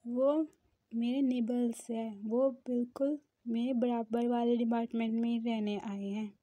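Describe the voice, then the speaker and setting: A woman's voice: on the high side, little pitch movement, unhurried, mellow, no echo, lo-fi sound, natural voice. A woman voicing a cheerful, whiny young male student in a storybook reading. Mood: eager.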